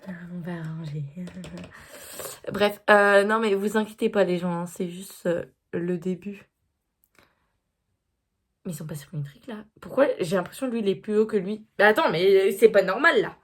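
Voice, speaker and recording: A woman's voice: medium pitch, moderate pace. A young woman filming a casual makeup vlog, chatty and self-mocking, stumbling over words with many fillers and apologies. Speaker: vlogger.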